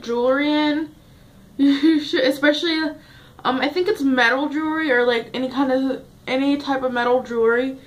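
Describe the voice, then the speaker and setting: Young woman vlogger, high pitch, rambling casual chat at a table at home. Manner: rambling, chatty, restarts often.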